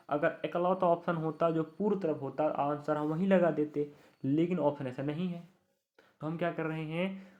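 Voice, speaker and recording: A man's voice: on the high side, muffled recording. A young adult man teaching a reasoning lesson for exam students, talking to them directly, repeating key words and reassuring them.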